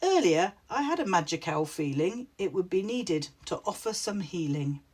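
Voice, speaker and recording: A woman's voice: lowish voice, very animated, moderate pace, darkish tone. A woman voicing a kind female witch in a storybook, speaking in a soothing, reassuring way. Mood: gentle. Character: kind, gentle female witch, comforting friend.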